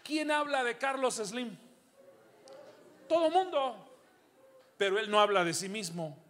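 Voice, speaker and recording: A high-pitched middle-aged man preaches a sermon in a church. He fires rhetorical questions at the congregation, then drops to low, confiding asides. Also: lively intonation, unhurried, a bit bright. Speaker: pastor.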